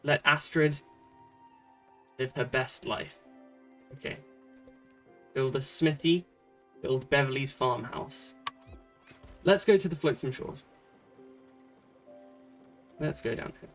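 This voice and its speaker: A streamer from Britain giving casual commentary while playing a game, chatty and thinking out loud with many fillers and restarts. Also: medium pitch, takes it slowly, pauses often, soft background music.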